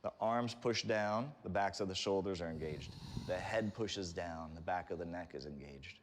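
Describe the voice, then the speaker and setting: A man giving calm, encouraging step-by-step instruction as he leads a guided stretching workout. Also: deep voice, moderate pace. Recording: reverberant room with long echo.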